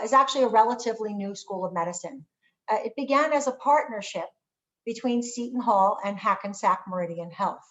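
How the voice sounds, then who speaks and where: Female academic presenter, mid-pitched, explanatory and hesitant, slightly muffled call audio. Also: a bit bright. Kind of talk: informational presentation with frequent hesitations. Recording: dull lo-fi video-call audio.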